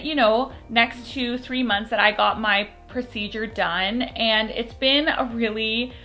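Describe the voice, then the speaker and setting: Filmed on her phone with only its built-in mic, this vlogger chats casually to camera, candid and heavy on fillers. Her mid-range voice has a sharp tone.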